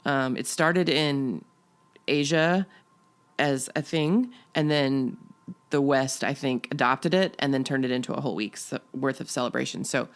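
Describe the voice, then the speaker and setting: A woman's voice: extremely low pitch, fairly even intonation, measured pace. A middle-aged woman co-hosting a chatty podcast. She talks in a loose, playful way, teasing her co-host with dry asides. Laughter keeps slipping into her voice. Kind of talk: casual chat.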